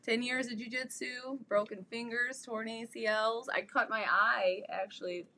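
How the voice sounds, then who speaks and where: A woman in her thirties is a guest on a podcast, talking casually and filling her sentences with "like" and "you know". Her voice is bright and forward. A faint hiss runs under the recording. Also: on the high side, fairly even intonation, moderate pace. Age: 30s. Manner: chatty, many "like" and "you know" fillers.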